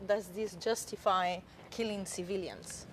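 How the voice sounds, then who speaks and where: A woman interviewer asking quick, pressing questions from off-mic. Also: mid-range voice, slight background noise.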